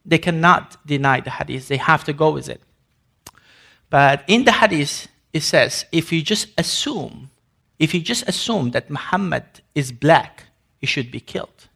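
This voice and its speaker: A man's voice: a little high, lively intonation, normal speed, vocal fry, fairly bright tone. A man from Sudan giving an emphatic ministry presentation to an audience, with grammar and frequent restarts. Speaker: ministry speaker.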